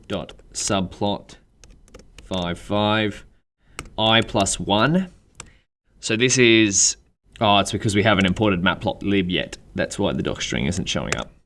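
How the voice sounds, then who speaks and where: A man with an Australian accent, talking through a coding tutorial in a relaxed, chatty way and thinking aloud while he types. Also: lowish voice, slight background noise. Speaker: programming instructor. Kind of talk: screen-recorded coding tutorial. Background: keyboard typing.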